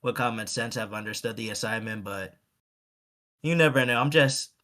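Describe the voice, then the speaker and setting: A man's voice: medium pitch, normal speed. A man co-hosting a casual podcast chat, talking animatedly and acting out what other people say. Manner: animated, acts out quoted voices. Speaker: podcast co-host.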